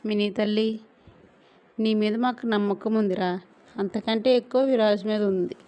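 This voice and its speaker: A woman reading a story aloud, voicing a middle-aged mother gently consoling her daughter. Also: mid-range voice, steady tone, moderate pace, clear, resonant tone, natural voice.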